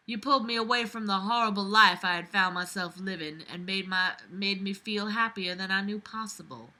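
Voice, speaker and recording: With a bright, forceful, mid-range voice, a young woman reads a piece of fiction aloud from her bed in a small bedroom. Her running commentary is weary and sarcastic, exasperated in tone, and heavy on swearing.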